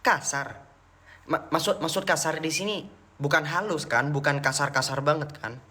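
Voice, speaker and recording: A man's voice: a little high, normal speed, bright, forceful tone. A young man from Mecca chatting casually on a live stream, answering viewers' questions and switching between languages. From Mecca, Saudi Arabia.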